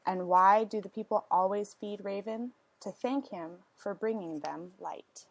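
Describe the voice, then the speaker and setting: A woman reading a storybook aloud as narration, with expressive, deliberate phrasing and questions to her listeners. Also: medium pitch, creaky, low-quality recording. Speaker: storyteller reading a picture book.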